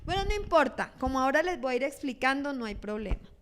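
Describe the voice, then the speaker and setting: High-voiced woman pastor preaching. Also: fast talker. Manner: animated, acts out churchgoers' lines in quoted voices. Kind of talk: sermon.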